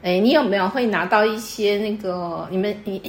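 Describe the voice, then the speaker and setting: A woman with a mid-range voice speaks at a moderate pace, with a faint hiss or hum in the background. She patiently explains customs to a guest in casual conversation, teaching like an instructor and quizzing her along the way. The room is echoey.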